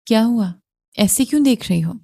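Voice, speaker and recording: A rude young husband laying down blunt, curt demands, voiced by a woman reader. The tone is mellow and dark, and the delivery stays close to her everyday voice. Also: fairly high pitch, expressive. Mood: brusque. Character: brusque, possessive young husband.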